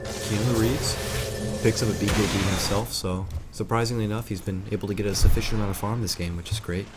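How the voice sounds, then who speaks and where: A man with a low voice commentates a video game match at a quick pace. His play-by-play is casual and rambling, with self-corrections along the way. Loud game music plays behind him. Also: steady tone. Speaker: esports caster. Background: game music with battle sound effects.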